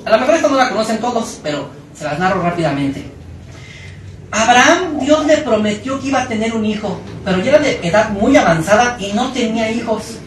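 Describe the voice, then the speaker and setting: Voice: medium pitch, animated, brisk, faint music behind. A preacher gives a sermon, telling stories and acting out the quotes with humor. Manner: storytelling with acted-out quotes and humor. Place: church hall. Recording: echoey hall, voice from a distance.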